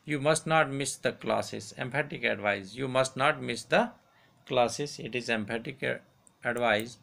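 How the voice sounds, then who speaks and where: Gravelly male teacher dictating grammar. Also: medium pitch, a bit bright. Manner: repeats each example sentence slowly, switches to Hindi to explain. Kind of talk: grammar lesson, read aloud and repeated.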